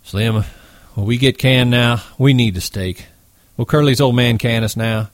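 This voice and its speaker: A man voicing a small, protective ranch hand who shouts urgently. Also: medium pitch, a little slow, no room sound, lightly acted. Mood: worried.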